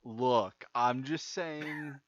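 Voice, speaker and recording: In a mid-range, fairly bright voice, a young man talks very slowly through his let's play, reading game text aloud and tripping over repeated words in a casual way. The lo-fi mic sounds dull, with no echo, and game music runs underneath.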